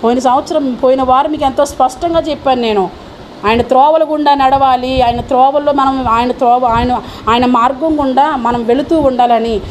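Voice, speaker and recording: A woman's voice: high voice, fairly even intonation, moderate pace, a little hiss or hum. A woman pastor preaching a fervent sermon and firing questions at the congregation. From India.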